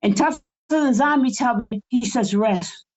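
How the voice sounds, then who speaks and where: An older woman speaks with a high voice and a slow, unhurried delivery. She is impassioned and repeats her phrases in a pleading cadence. The audio is muffled and low-fidelity. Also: expressive. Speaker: co-host. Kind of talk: spiritual talk show conversation.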